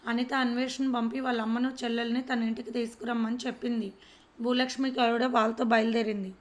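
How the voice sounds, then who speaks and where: Flat, steady woman storyteller. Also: on the high side. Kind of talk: reading a serial story aloud.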